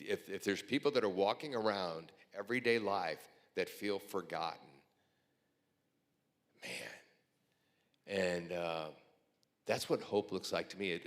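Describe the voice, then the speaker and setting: His voice sits low and runs a little slow, with long pauses, as this pastor delivers a heartfelt breakfast-event speech full of earnest, emotional stories. At moments he becomes quiet and emotional; the recording has a long hall reverb.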